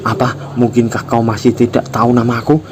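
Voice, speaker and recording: A man's voice: mid-range voice, little pitch movement, moderate pace, background noise, lightly acted. A sneering, spiteful schoolgirl bully, voiced by a male reader with a slightly lifted voice. She taunts and jeers with arrogant confidence in a storybook retelling.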